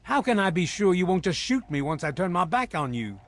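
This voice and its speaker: A man playing a stern, proud military villain officer in a video game, speaking in a formal, deliberate, haughty way. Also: high voice, very animated, fairly bright tone. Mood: wary, reconsidering. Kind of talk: dramatic video game dialogue.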